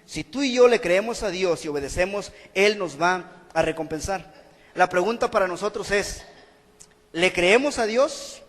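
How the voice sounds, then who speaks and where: A man's voice: high voice, animated, moderate pace, fairly bright tone, long reverb tail. A man preaching a sermon in church, earnest and exhorting. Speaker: pastor. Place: church hall.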